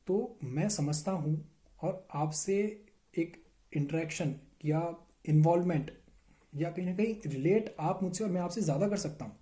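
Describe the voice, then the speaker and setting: A man's voice: high voice, warm tone. A young man from India giving an earnest, conversational motivational talk to camera, speaking directly to his viewers. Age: young adult. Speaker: YouTuber, coding student.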